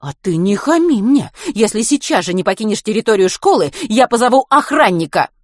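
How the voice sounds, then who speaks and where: A woman voicing a strict, suspicious female deputy head teacher who scolds loudly. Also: medium pitch, very animated, brisk, no room sound, studio quality, pitched above the performer's own voice. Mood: threatening.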